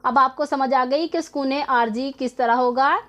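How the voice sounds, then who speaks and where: Slow, high-voiced woman teaching recitation rules. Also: steady tone, a bit bright. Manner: patient, step-by-step, repeats rules. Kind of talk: online tutorial explanation.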